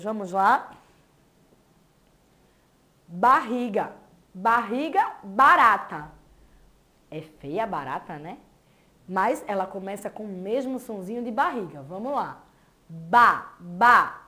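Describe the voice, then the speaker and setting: Slow, patient woman teaching young children. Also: fairly high pitch, a bit bright. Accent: Brazilian Portuguese. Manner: slow, syllable-by-syllable sounding out with praise. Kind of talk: early literacy lesson for young children.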